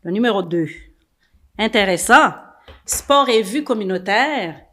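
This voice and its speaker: A woman's voice: medium pitch, animated, a little slow, pushed and bright. A woman hosting a studio panel, speaking hesitantly with many fillers and upbeat interjections. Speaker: host and moderator. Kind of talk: moderating a youth panel.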